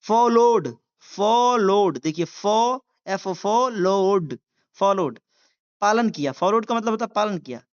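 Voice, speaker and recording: Indian woman, reading teacher, very slow word-by-word delivery, spells and repeats each word, muffled lo-fi sound. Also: medium pitch, animated. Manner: spells words letter by letter, repeats each word, explains in Hindi. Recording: dull lo-fi sound.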